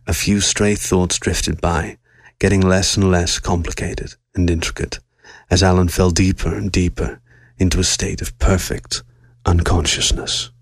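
A man narrating a science-fiction story aloud with steady, measured storytelling. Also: deep voice, no echo.

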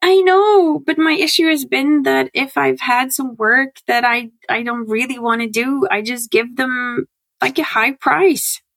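Guest: woman, lively and laugh-prone, slight vocal fry, dry close sound. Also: sits high, dry recording. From Norway. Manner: animated, laughs often, quick bursts. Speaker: guest, CRM consultant. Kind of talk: casual interview chat. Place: home.

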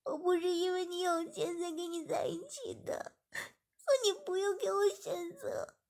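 A woman reading a story voices a young woman who is crying and pleading in a high, tearful, emotional voice. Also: very slow, sharp tone, full character voice.

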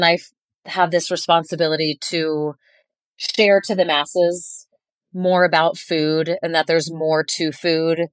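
Earnest chef in her forties, low voice. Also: no echo. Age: 40s. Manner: earnest and reflective, with restarts. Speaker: chef and guest. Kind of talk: podcast interview.

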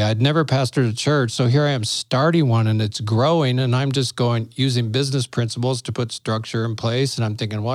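A man's voice: medium pitch, a little mellow, dry recording. A middle-aged man, a pastor and guest, telling stories in casual conversation. He talks animatedly, laughs often and acts out the lines of people in his stories.

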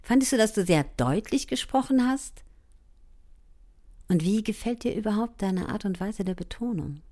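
A woman leading a voice training lesson, speaking directly to the listener in an encouraging way, sometimes dropping into soft asides. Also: mid-range voice, animated, moderate pace. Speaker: voice coach.

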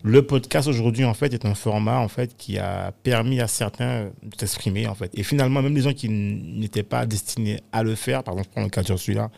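A man chatting in a studio round-table discussion, talking in an animated way and filling his sentences with frequent fillers. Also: fairly low pitch, fairly quick, vocal fry, hardly any pauses. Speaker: podcast guest. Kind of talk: casual round-table chat.

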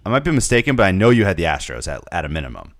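A young man with a notably deep voice chats loosely about sports as a podcast co-host. He rambles, restarts and repeats words often. The sound is dry and close. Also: sing-song, rapid-fire, dry recording. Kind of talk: casual sports chat.

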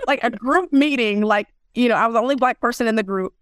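This young woman talks fast in a fairly high voice. Appearing as a guest in a casual interview, she's a lively storyteller who acts out the quotes of people in her anecdotes.

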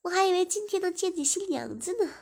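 A woman voicing a bubbly, gossipy young woman who talks with eager excitement. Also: sits high, fairly quick, voice pushed up. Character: lively, chatty young woman guest.

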